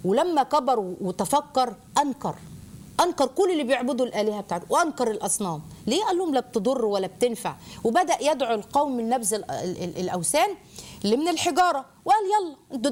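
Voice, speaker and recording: Fast, animated Egyptian woman teacher. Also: fairly high pitch. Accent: Egyptian Arabic. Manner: animated, asks the listeners questions. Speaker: religious teacher. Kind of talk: Quranic storytelling lesson for children.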